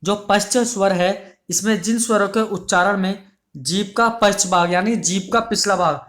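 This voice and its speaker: Speaking at a moderate pace in a high, fairly bright voice, a male teacher runs an online exam-prep class. He patiently repeats key terms, puts questions to students, and closes phrases by checking "ठीक है".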